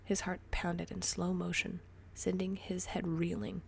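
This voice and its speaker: A woman reading a story aloud in a soft, breathy whisper. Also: lowish voice, level tone, a little slow, a little hiss or hum. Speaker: story reader.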